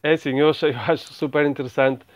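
Rapid-fire and level in tone, a slightly high male voice comes through a dry recording. The speaker, a Portuguese traveler in his thirties with a European Portuguese accent, responds thoughtfully as an interview guest, often beginning his words again.

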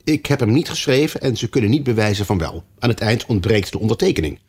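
A humble accused knave pleading his case with careful respect, as a man reads him. The voice sits a little above the narrator's, husky and lively in its rises. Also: fairly low pitch, fast talker.

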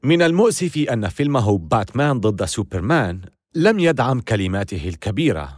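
A man's voice: on the low side, darkish tone, dry recording, studio quality. A man reading scripted documentary narration with a dramatic, storytelling delivery.

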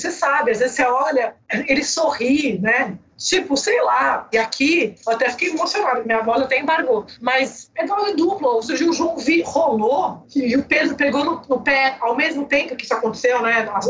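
A Brazilian woman in her thirties, a political journalist chatting as a podcast guest in a lively, storytelling way. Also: sits high, a little fast, far from the mic, muffled recording. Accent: Brazilian Portuguese. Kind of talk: casual podcast chat.

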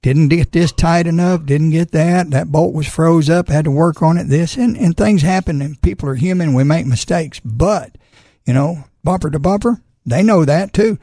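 Husky, folksy man. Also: a little high, normal speed, dark tone, dry recording, clean studio sound. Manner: folksy, plain-spoken. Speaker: auto repair shop owner, radio guest. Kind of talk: casual radio talk about car repair.

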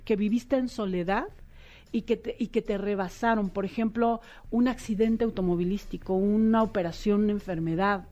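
A middle-aged woman, a psychotherapist guest explaining ideas in a warm, expressive way. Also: mid-range voice, dull audio. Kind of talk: casual interview chat.

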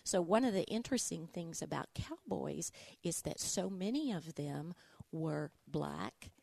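Woman, Arkansas accent, lowish pitch, gravelly fry, didactic interview guest, conversational history explainer. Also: expressive, unhurried, darkish tone, no echo. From Arkansas, United States. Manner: didactic, step by step, with check-in questions.

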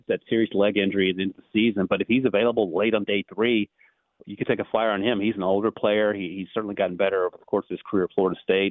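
A deep-voiced man talks quickly over a tinny phone line, breaking down prospects as a guest analyst. He often stumbles and repeats a word before pushing on. The sound is dry and narrow. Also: no room sound. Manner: fast, rambling, repeats words when restarting. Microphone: phone call.

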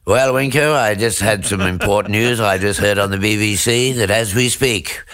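A man's voice: fairly low pitch, moderate pace, a bit bright, close to an everyday voice. A man hamming up an old newsreel voice as a pompous, clipped wartime British officer on a podcast. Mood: jaunty. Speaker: podcast co-host.

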